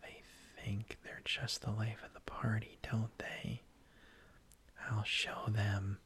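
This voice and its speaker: A man's voice: lowish voice, monotone, takes it slowly, husky, full character voice. A man doing a whispering, mother-obsessed slasher killer. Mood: menacing. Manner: hushed, menacing whisper.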